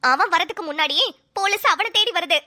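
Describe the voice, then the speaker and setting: A woman voicing a sharp-tongued young wife in a cartoon, grumbling and sarcastic. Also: very high-pitched, animated, fairly quick, exaggerated voice. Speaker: cartoon voice actor. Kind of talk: cartoon voice acting.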